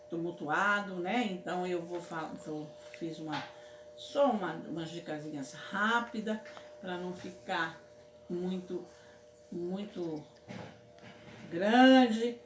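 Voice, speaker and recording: A woman's voice: fairly low pitch, background noise. A woman teaching a casual grammar lesson, from Brazil, affectionately calling her students "my loves" and checking in with them often. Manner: affectionate, repeats "certo, meus amores?". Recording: echoey room with faint ambience.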